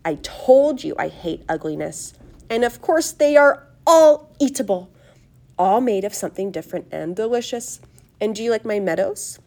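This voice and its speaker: A woman reading the part of an eccentric, excitable male chocolate maker who gushes proudly over his creations. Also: medium pitch, moderate pace, natural voice. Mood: gushing. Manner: gushing, showy, proud.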